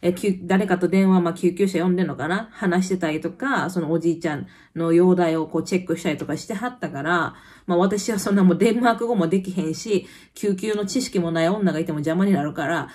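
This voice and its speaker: Thirties woman, Kansai accent, casual vlog storyteller. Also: mid-range voice. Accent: Kansai Japanese. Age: 30s. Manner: chatty storytelling with lively quoted voices. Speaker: vlogger. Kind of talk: casual chat. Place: home in Copenhagen.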